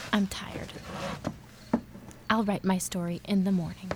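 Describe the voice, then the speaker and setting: A woman's voice: mid-range voice, animated, normal speed, background noise, natural voice. An actress playing a blunt teenage girl with a dry, sarcastic way of talking.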